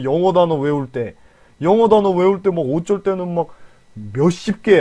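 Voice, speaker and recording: A man's voice: a little high, darkish tone. A man teaching an online science lecture, coaxing and pleading with students and quizzing them with questions.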